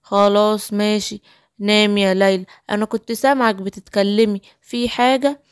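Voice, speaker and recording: A woman voicing a worried middle-aged father in a children's cartoon story, lowering her voice into a firm fatherly tone with an Egyptian Arabic accent. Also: steady tone, moderate pace, clean tone, dry recording, clean studio sound, close to an everyday voice. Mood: calm.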